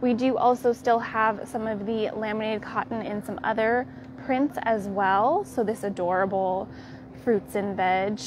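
A woman's voice: medium pitch, fairly even intonation, noisy background. Young American woman giving a shop tour. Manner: friendly, unhurried product showcasing with fillers. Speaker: quilt shop staff host. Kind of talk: live shop tour walkthrough. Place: quilt fabric shop, indoors.

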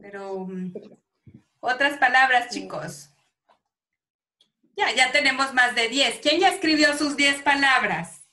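A woman teacher with a Guatemalan Spanish accent, running an online class for young pupils, calling them affectionate names and reading words out slowly. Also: sits high, pushed and bright. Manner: affectionate, calls pupils "mi amor". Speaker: primary school teacher.

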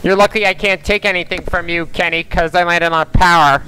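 A man's voice: sits high, steady tone, brisk, noisy background. A man hosting his game channel, talking through a game round and teasing his opponent. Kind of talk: playing a game while narrating. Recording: loud game music and crowd sound. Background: game music and crowd.

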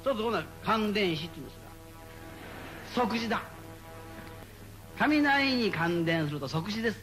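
A man giving spoken Buddhist guidance to a gathering, playful and animated, repeating phrases for emphasis. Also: high-pitched, normal speed, faint music behind. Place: meeting before a live audience.

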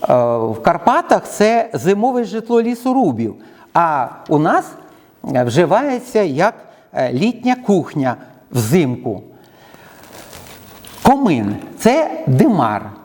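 A man's voice: on the high side, a little mellow. A middle-aged man with a Ukrainian accent giving a lecture, listing words one by one and explaining each, with frequent hesitation sounds. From southern Ukraine. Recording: long reverb in the room.

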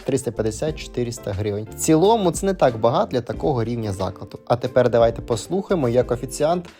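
A man's voice: mid-range voice, lively intonation, quick pace, warm tone, soft background music. A man narrating a casual travel vlog in a chatty, conversational way with fillers. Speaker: travel vlogger.

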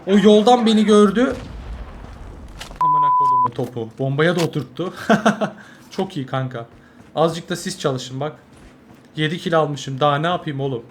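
A young man, a mobile game streamer, giving live gameplay commentary, swearing constantly and swinging from angry yelling to low muttering. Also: lively intonation, normal speed, pauses often. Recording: noisy game audio behind.

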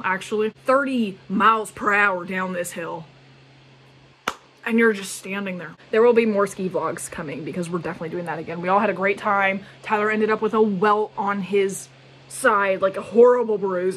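A young woman vlogging casually, retelling a story with lively, exclamatory quoted asides. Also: medium pitch, a little hiss or hum.

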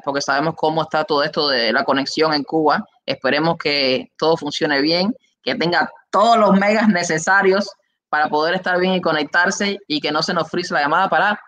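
A young man with a Cuban accent hosting a live online interview, announcing with enthusiastic, drawn-out emphasis from a room on his webcam. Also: a little high, bright, forceful tone. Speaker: host. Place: indoor room. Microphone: webcam, video call.

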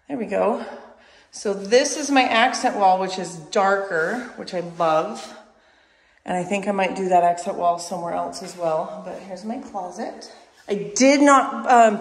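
A tired woman chatting casually to camera as she shows rooms of her house under renovation. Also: mid-range voice. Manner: chatty, showing things to camera. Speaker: vlogger. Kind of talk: casual home renovation vlog.

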